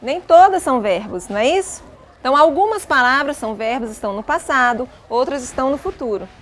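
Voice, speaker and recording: A Brazilian woman teaching a class of pupils, patiently asking guiding questions and filling her pauses. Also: high voice, animated, fairly bright tone, slight background noise. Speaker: schoolteacher.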